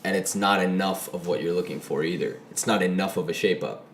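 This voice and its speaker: A man's voice: low voice, fairly even intonation, a loud crowd. A man co-hosting a casual podcast chat, teasing the others and joking. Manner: teasing, quick to needle and joke. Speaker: podcast co-host. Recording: echoey room sound.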